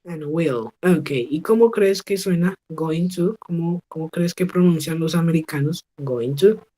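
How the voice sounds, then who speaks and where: A woman teaching an English class over a video call. She models each phrase slowly and keeps checking with her students. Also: fairly low pitch, mellow. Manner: patient, slow model pronunciation with frequent check questions. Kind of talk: online class instruction.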